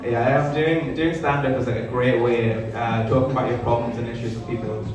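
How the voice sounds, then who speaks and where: A young man performs a stand-up comedy set. His delivery is hesitant and self-deprecating, wandering between bits. The live recording is distant and heavily reverberant, with clear audience sound around him. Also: medium pitch, fairly even intonation, brisk, crowd noise. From Newcastle, northern England. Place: small sparsely filled comedy venue. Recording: echoey live room, distant mic, audience noise.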